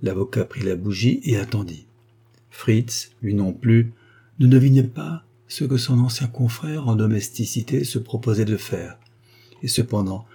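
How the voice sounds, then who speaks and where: Low, mellow, husky man narrating a classic novel, steady dramatic read. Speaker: audiobook narrator. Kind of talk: scripted narration.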